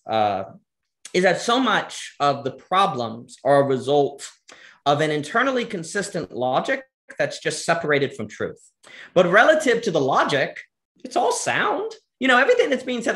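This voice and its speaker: A man's voice: high-pitched, a bit bright. A man, a guest in a casual philosophical conversation, thinking aloud with lots of fillers and restarts. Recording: roomy, echoey room sound.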